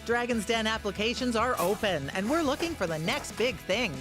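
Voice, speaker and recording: A woman's voice: a little high, expressive, moderate pace. Punchy female promo announcer over music. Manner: punchy, upbeat.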